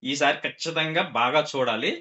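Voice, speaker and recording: A man's voice: a little high, normal speed, pushed and bright, lo-fi sound. A man telling a comic story to a group, acting out the characters' quoted lines.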